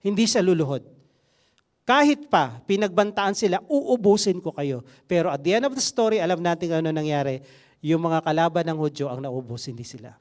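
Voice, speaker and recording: A man's voice: a little high, expressive, a little fast. A man preaching a sermon, telling a story with energy, asking the congregation rhetorical questions, and switching between everyday talk and scripture reading.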